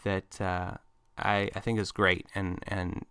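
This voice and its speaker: A male podcast host muses and thinks aloud casually into a close mic. His low-leaning voice is bright and forceful with a smooth, crisp clarity, though his delivery is flat and slow. The recording is dry, with no room echo.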